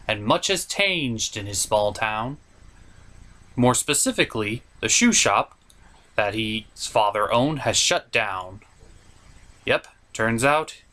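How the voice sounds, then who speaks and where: A comedic film reviewer hosts a movie recap, packing his commentary with animated sarcasm while his pitch swings widely from one line to the next.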